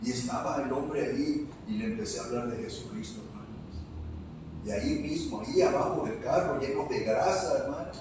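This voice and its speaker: A man's voice: medium pitch, brisk, noisy background. A man from Mexico, a pastor preaching a sermon, telling a personal story and calling the congregation brothers. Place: church hall. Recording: echoey church hall from far off.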